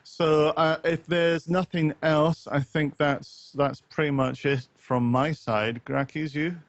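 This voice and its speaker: Chatting with live viewers as a podcast co-host and streamer, a man rambles wryly and hesitantly, speaking slowly with fairly even intonation in a fairly high voice. The audio is lo-fi voice chat: dull, close, with no room sound.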